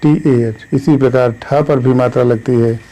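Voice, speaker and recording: A man teaching an online English grammar lesson, slowly dictating letters and spellings and addressing his viewers as friends. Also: mid-range voice, steady tone, dark tone, poor audio. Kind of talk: classroom-style online lesson.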